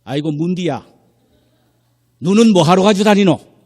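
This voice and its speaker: A man voicing an angry husband from Gyeongsang who yells and scolds his wife over a wrecked car, in a Gyeongsang accent. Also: sits high, animated, normal speed, voice pushed up. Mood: furious scolding. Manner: yelling, scolding. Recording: long church hall reverb.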